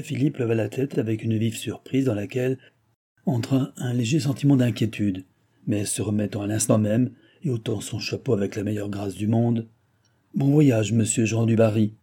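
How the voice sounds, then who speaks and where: A man narrating a novel in a measured, expressive reading. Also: on the low side, slightly rough. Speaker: audiobook narrator.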